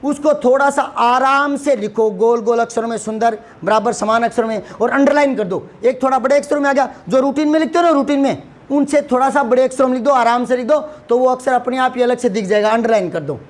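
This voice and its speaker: A man's voice: very high-pitched, fast, hardly any pauses. A man teaching a lesson to students, scolding and asking rhetorical questions, often repeating words for emphasis. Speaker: Hindi teacher.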